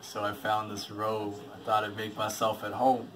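A man's voice: lowish voice, monotone, normal speed, fairly bright tone. A man vlogging casually to his phone camera, joking and talking straight to his viewers outdoors in a city. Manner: joking, laid-back, talks straight to viewers. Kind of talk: casual vlog talk to camera. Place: outdoors in a city, streets and park. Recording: noisy outdoor phone recording. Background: city traffic and street ambience.

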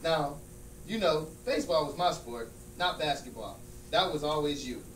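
A man's voice: on the high side, expressive, normal speed, natural voice. A man acting out a smug, exasperated friend who mocks and corrects emphatically in a comedy scene. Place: large room with small stage, indoors. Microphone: far camera. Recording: distant, echoey room with hum and noise.

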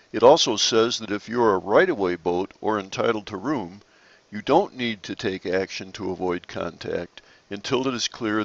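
Low gravelly guy walking thru sailing rules slides, measured and explanatory, kinda dull lo-fi mic. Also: no echo. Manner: measured, explanatory, occasional restarts. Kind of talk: slide-based narrated lesson.

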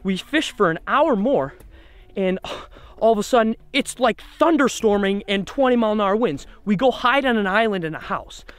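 A young man vlogging about his fishing trip outdoors, talking casually and excitedly into a camera held at arm's length. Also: high voice, normal speed, dry recording. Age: young adult. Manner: excited, chatty, lots of "like" and "literally". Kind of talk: casual vlog narration. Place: outdoors on a boat on a lake. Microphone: action camera at arm's length.

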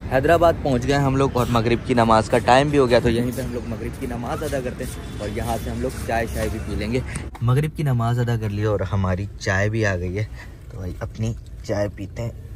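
Filming himself with a handheld camera at arm's length, a twenty-something vlogger with a sore throat chats about his travels in a mid-range voice at normal speed, starting in a yard and moving to a car. Music plays behind him amid noisy street and car sounds, and he gets excited, shouting out when flustered.

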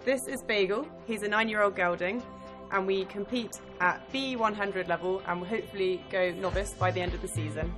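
A woman's voice: mid-range voice, brisk, music in the background. A woman in her twenties introducing herself as a contestant. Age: 20s.

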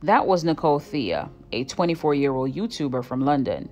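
A woman reading a serious scripted narration in a measured tone. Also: sits low, big pitch swings, darkish tone. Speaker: commentary vlogger.

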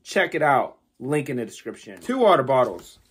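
A man's voice: medium pitch, very animated, moderate pace, a little hiss or hum. A man in his thirties chatting informally to his viewers in a casual homemade vlog. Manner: informal, swearing, addressing viewers as guys. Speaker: vlogger doing a food challenge. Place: small indoor room at home. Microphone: phone at about arm's length.

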